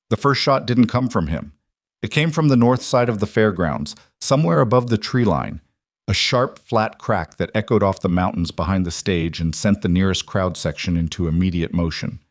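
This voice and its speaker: Man, story narrator, low voice, dry close sound, measured reading. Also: dry recording.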